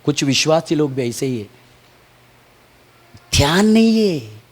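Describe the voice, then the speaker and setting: A man preaching a fervent sermon as pastor, moving between shouted peaks and hushed asides, often asking questions and answering them himself. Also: a little high, sing-song, measured pace. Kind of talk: impassioned Hindi sermon.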